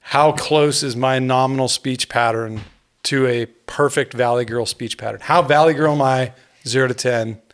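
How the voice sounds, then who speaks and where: A man's voice: mid-range voice, fairly even intonation, moderate pace, smooth. A man co-hosting a podcast in casual chat, with dry, self-mocking humor. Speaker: podcast co-host.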